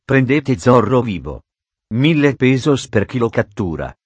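A man's voice: mid-range voice, big pitch swings, measured pace, slightly rough, no room sound, highs cut off. A man voicing a barking military commander. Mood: commanding. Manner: shouted commands.

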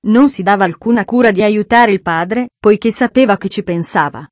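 A woman narrates a classic novel in a measured, steady way, as in a recorded audiobook. Her voice sits mid-range, with dry, close sound and no room around it. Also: medium pitch, dry recording.

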